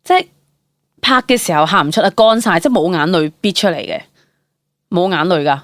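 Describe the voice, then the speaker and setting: Being interviewed, a young actress with a Hong Kong Cantonese accent tells stories casually, chatty and expressive, mixing in English words. Her voice is low for a woman and a little fast, and the recording is close and dry with no room sound.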